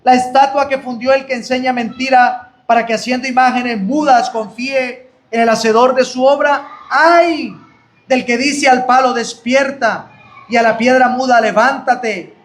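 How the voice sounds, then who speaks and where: A man with a Colombian Spanish accent preaches a fervent Bible study sermon to his "hermanos" in an extremely high voice. He keeps a moderate pace and level tone, though he rises on his exclamations.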